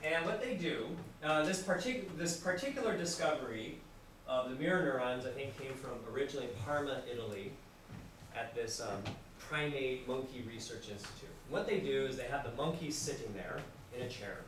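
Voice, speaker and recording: A man giving a classroom lecture to students, lively and acting out examples as he explains. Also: medium pitch, moderate pace. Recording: very echoey room, distant mic, background noise.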